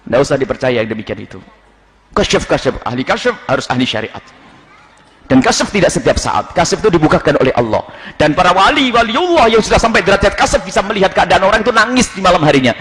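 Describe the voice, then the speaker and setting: A man delivers an animated sermon in a high voice that leaps all over the place. He mocks and mimics people in quick asides. The sound trails off into a long hall reverb. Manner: animated, mocking asides and acted quotes. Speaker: preacher.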